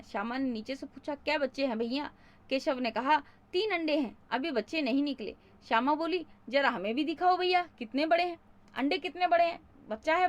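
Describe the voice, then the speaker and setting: Woman, teacher, high voice, reads a story aloud then explains it simply. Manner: lively reading that voices the children's lines. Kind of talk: reading a story aloud and explaining it for school pupils.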